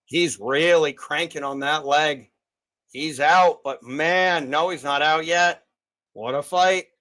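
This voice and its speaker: An excitable man hosts a live fight stream, calling the action and his bets as they happen. His voice sits a bit high for a man, and he cheers the fighters on as the fight unfolds. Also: slow pace. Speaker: livestream host. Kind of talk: live fight betting commentary.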